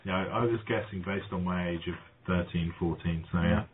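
A man's voice: sits low, fairly even intonation, fairly quick. A man chatting casually, reminiscing in a rambling way with many ums and restarts. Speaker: podcast guest. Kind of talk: casual chat. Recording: tinny phone-like line, faint noise.

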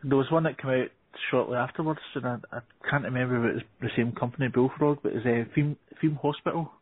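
Host on a tinny phone-like line. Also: male voice, medium pitch, steady tone, a little hiss or hum. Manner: brisk questions, laughs often. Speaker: podcast host. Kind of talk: casual chat.

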